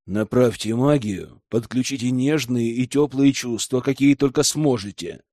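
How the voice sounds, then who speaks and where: A man's voice: medium pitch, a little slow, warm tone, dry recording, studio quality, lightly acted. A man voicing a whiny, indignant young female witch student in an audiobook. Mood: smug. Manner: whiny, pleading.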